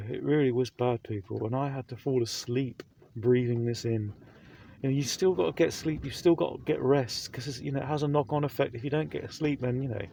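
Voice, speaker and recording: A man's voice: mid-range voice, vocal fry, dark tone, a little hiss or hum. A man talking to camera in a rambling vlog, full of fillers and restarts, speaking through a face mask. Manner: rambling, repeats himself, many fillers. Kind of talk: casual vlog monologue.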